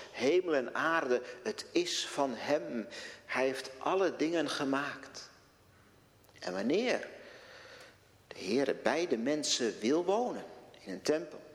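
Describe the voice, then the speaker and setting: A man preaching a sermon in a church, slow and deliberate, posing rhetorical questions to his congregation. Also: a little high. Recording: long reverb of a church hall.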